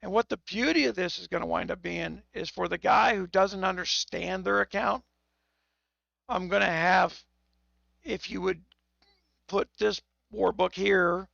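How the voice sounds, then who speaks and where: A tipsy, hoarse man rambling and cursing as he hosts a live game stream. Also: high voice, fairly even intonation, measured pace, a bit bright, no echo, highs cut off. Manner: rambling and profane, with many restarts. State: tipsy from whiskey; hoarse, losing his voice. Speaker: game livestreamer.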